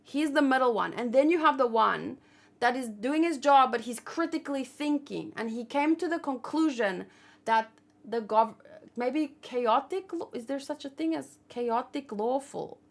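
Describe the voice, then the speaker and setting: Her voice sits high and sounds gravelly, animated, and a little slow. As host of a manga read-along channel, she chats informally and wanders, frequently doubting herself as she thinks aloud.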